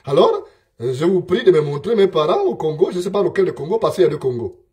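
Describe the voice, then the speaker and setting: A man speaks in a high voice. He delivers a scornful political monologue and hammers his points home by repeating them. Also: sing-song, fast talker, darkish tone. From Gabon. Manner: scornful, emphatic, repeats himself.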